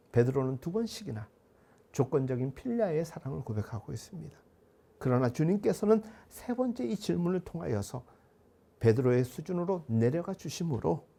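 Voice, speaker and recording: A male pastor giving a sermon in a measured, earnest manner, asking his congregation rhetorical questions. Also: a little high, vocal fry, mellow, breathy edge.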